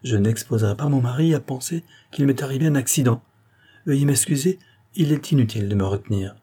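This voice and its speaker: A man reading the part of a young married woman, speaking softly but with resolve. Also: mid-range voice, a little fast, slightly rough, pitched above the performer's own voice, natural voice. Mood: firm.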